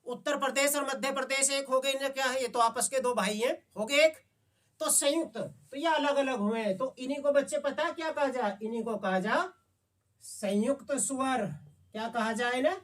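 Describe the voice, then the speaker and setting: A man's voice: very high-pitched, moderate pace, fairly bright tone, far from the mic. A male Hindi teacher giving an exam-prep class, asking the students questions and answering them himself. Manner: coaxing, repeats "समझ गए बच्चे?".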